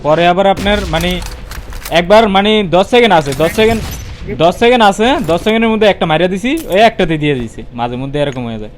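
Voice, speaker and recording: A man talks through a game in a slightly higher voice. He is excited and often repeats himself. There is a faint hum of noise behind him. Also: brisk. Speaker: gamer. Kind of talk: casual chat while gaming. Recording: background noise.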